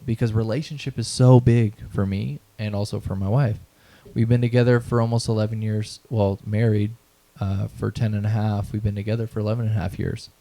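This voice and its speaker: This interview guest, a man in his thirties who founded an event, has a low, gravelly, mellow voice. He speaks with earnest, motivational energy about his mission and values, repeating himself and frequently asking "right?"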